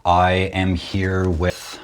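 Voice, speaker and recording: A young man hosting a podcast interview, talking slowly and haltingly, with many restarts. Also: deep voice, completely flat delivery. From Quebec. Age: young adult. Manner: slow, hesitant, many restarts. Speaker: podcast host. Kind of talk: casual interview.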